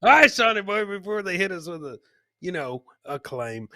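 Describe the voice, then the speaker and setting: A man with a high, sing-song voice hosts a casual comedy clip show at a moderate pace over a noisy background. Chatty throughout, he talks with his co-host and viewers, addressing the co-host and live viewers by name and often repeating phrases for comic effect.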